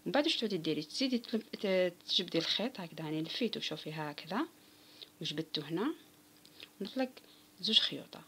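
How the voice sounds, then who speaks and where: A woman's voice: on the low side, expressive, quick pace, long pauses, pushed and bright, a little hiss or hum. A woman with an Algerian Arabic accent giving a step-by-step crochet tutorial, patiently counting stitches aloud and talking straight to her viewers. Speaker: crochet instructor.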